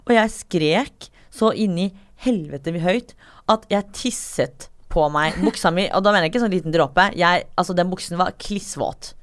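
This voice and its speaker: A woman in her twenties telling a story in casual chat, lively and acting out quotes with sudden shrieks. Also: lowish voice. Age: 20s. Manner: swears casually.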